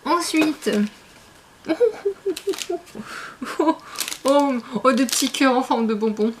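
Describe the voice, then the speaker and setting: A woman's voice: a little high, slight background noise. A woman chatting casually in a book vlog, rambling and gushing as she unboxes items. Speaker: book vlogger.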